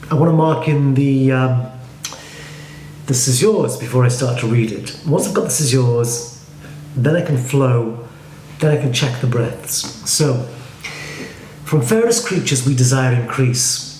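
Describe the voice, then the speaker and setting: A man with a Liverpool accent teaching how to speak verse, brisk and opinionated, splitting each line into its halves. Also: mid-range voice, a little mellow. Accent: Liverpool English. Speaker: acting and speech coach. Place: home studio room. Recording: echoey room with faint noise.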